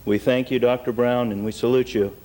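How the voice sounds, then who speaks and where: A man's voice: medium pitch, steady tone, a little fast, mellow. A man addresses an honoree at a banquet in a formal award tribute. His delivery is direct and ceremonial, spoken into a podium microphone. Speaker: Boy Scouts council executive. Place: banquet hall.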